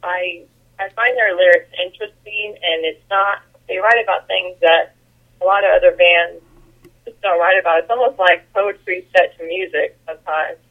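Over a tinny phone line, a woman with a lowish voice chats casually with her brother, the host, reminiscing in an easygoing way. Her intonation is fairly even, her speed normal, and she uses fillers like "like" and "I mean."

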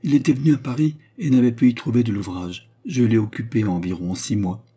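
A man's voice: mid-range voice, a little fast, dark tone, slightly rough, natural voice. A man reading aloud, playing a good-hearted young workshop owner in an earnest, friendly way. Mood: kindly.

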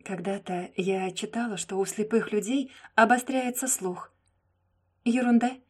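A young woman narrating a first-person audiobook, soft and subdued, often close to a whisper. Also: mid-range voice, steady tone, unhurried, breathy edge.

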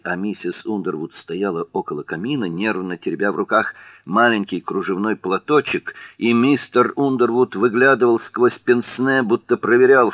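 A man narrating a novel aloud in an expressive storytelling manner. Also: on the low side, no room sound, phone-quality sound. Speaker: audiobook narrator. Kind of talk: scripted narration.

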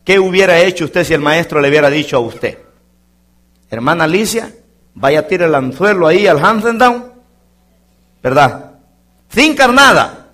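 Animated preaching man, lively pitch. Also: moderate pace, pauses often. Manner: preaching with big swings from loud exclamations to quiet asides. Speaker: pastor. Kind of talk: preaching sermon. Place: church sanctuary.

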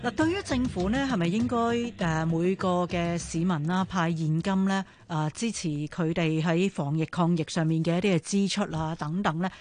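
A woman with a Hong Kong Cantonese accent hosting a radio phone-in, calmly summing up callers' points and posing questions. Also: lowish voice, music in the background. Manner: measured, sums up callers' points. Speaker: radio talk show host.

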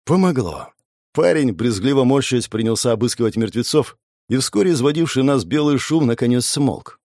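A man narrating an action audiobook in the first person with expressive storytelling. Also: mid-range voice, a little fast, no echo, clean studio sound.

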